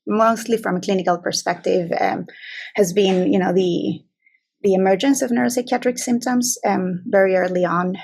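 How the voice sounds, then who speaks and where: Woman, from Peru, 40s, child psychiatrist, flat monotone, gravelly fry, hesitant fillers, video call from office. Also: medium pitch, normal speed. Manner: hesitant, many fillers and restarts. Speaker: child psychiatrist, grant awardee. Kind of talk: conversational interview answers. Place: small office room, indoors. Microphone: video call webcam.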